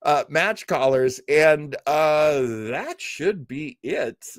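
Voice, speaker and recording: A man with a fairly high, animated voice speaks slowly as he hosts a live-streamed radio nostalgia show. Rambling and full of asides, he reads viewers' live comments aloud and responds casually, with a dry, clean studio sound.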